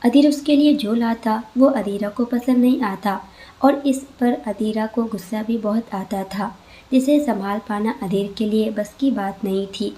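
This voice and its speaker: A woman narrating a scripted story as a storyteller, in an even, expressive manner. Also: on the high side, measured pace.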